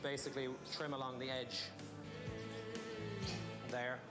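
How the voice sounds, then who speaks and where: A man's voice: mid-range voice, level tone, measured pace. Man with a west of Ireland accent, music behind. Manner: explains step by step, often checking with "okay". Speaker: fish smoker demonstrating his craft. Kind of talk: informal hands-on demonstration. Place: small metal-walled processing room.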